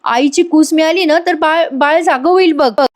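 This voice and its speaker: Woman reading an anxious birth helper, high and urgent. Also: normal speed, close to an everyday voice. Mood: worried. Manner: urgent, worried questions.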